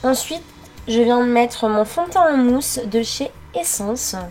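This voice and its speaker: A young woman narrating her makeup routine step by step, pausing often with fillers as she works. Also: a little high, expressive, a little mellow, soft background music. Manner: halting, many fillers while working. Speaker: beauty vlogger. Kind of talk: makeup tutorial voice-over.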